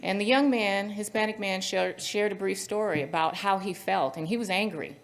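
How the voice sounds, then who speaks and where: A woman's voice: mid-range voice, normal speed, vocal fry. Earnest woman moderating a panel. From Central Valley, California. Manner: earnest, storytelling with many fillers. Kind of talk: conference panel remarks.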